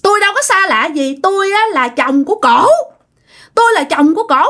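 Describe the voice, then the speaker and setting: Brief: a woman playing a possessive male soldier ghost with a Mekong Delta accent, pitched high and shrill, taunting and insistent. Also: animated, a little fast, fairly bright tone. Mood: boastful. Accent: Southern Vietnamese (Mekong Delta). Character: spirit of a dead male soldier, possessive and defiant.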